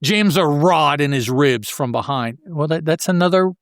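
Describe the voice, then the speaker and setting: In an animated, casual podcast recap, a man with a slightly higher-pitched voice narrates a comic book story, peppering it with humorous asides at a normal speed. The recording is close and dry.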